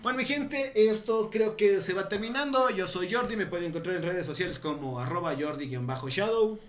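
Ecuadorian man, podcast host, high pitch, slangy, laughing storyteller. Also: brisk. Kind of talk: casual podcast chat.

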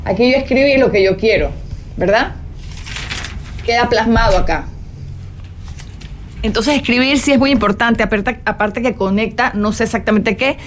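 A woman coaching her live audience with a playful, motivational manner, answering their questions and speaking straight to them. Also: on the high side. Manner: warm, playful, directly addressing viewers. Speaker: self-help coach. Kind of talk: motivational live talk to viewers.

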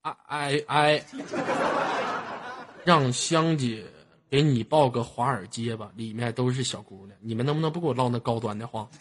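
A man with a Northeastern Chinese accent hosting a stream, teasing his guest with crude jokes, loud mockery and constant swearing, sometimes bursting into shouts. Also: medium pitch, moderate pace, heavy background noise. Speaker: livestream host. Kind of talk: crude joking banter.

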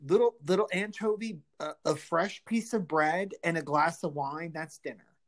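A woman's voice: fairly low pitch, normal speed. A woman co-hosting a casual chat, telling stories in an emphatic, joking way. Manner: animated storyteller, emphatic and jokey. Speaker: podcast co-host.

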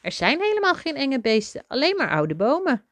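A woman voicing a small, timid young male mouse in a children's storybook, with a squeaky, anxious voice. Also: very animated, moderate pace, gravelly, darkish tone, no room sound, heavily acted. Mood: cheerful.

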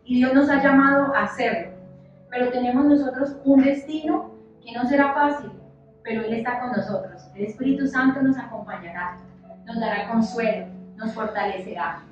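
A high-voiced woman in her thirties preaches with passion, swinging between loud and soft. She sounds far from the mic in a very echoey church hall. The sound is dull and music plays behind her. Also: moderate pace. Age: 30s. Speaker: church leader. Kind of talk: sermon.

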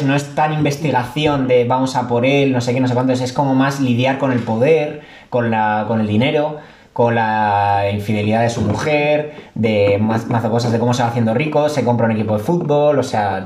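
A podcast guest with a medium-pitched, darkish male voice rambles in an echoey room during a casual podcast chat. He tells stories loosely, leaning heavily on fillers.

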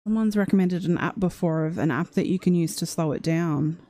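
Speaking a little fast in a warm, fairly low voice with no echo, a woman streamer works out the words of a recording. She muses casually and stalls often, unsure about certain phrases.

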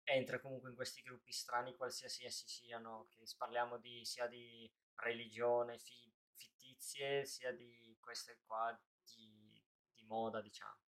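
A man's voice: medium pitch, little pitch movement, a little slow, a bit bright. A man in casual live-stream talk, thinking aloud in long rambling answers full of restarts.

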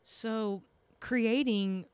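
A woman's voice: fairly high pitch, steady tone, very slow, a little mellow, smooth, dry recording. A woman with a Texan accent co-hosting a podcast, asking long rambling questions in a friendly, apologetic way. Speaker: podcast co-host. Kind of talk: casual interview questions.

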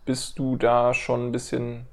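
A man's voice: medium pitch, completely flat delivery, gravelly. Teasing, giggly man on a podcast. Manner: teasing, giggly, quick to joke. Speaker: podcast co-host. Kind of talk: casual podcast chat.

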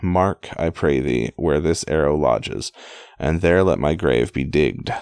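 A man reading as a dying, gentle outlaw. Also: very deep voice, lively intonation, slow, vocal fry, smooth, no room sound, clean studio sound, exaggerated voice. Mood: solemn. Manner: plain read-aloud delivery, stumbles on old wording.

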